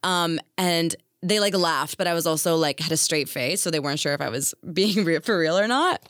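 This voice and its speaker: A young adult woman, a podcast guest, telling a story in a casual, animated way, full of fillers and casual swearing. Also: fairly low pitch, fairly quick, dry recording, clean studio sound.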